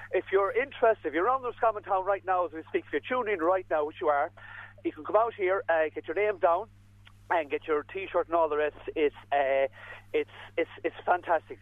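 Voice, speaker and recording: A man's voice: fairly high pitch, no room sound. An Irish man reporting live for radio in a casual, jokey, rambling way, often repeating his words. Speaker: radio outside-broadcast reporter. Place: outdoors at a community run. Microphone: phone. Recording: tinny phone line.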